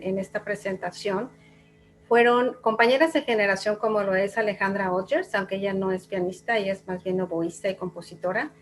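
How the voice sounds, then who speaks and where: A Mexican pianist calmly explaining works of music as a guest in a talk. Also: female voice, mid-range voice, slight background noise.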